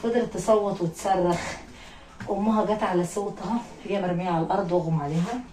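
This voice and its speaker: A woman's voice: on the low side, quick pace, reverberant, far from the mic, background noise. Egyptian woman telling a story in her kitchen. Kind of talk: casual spoken storytelling.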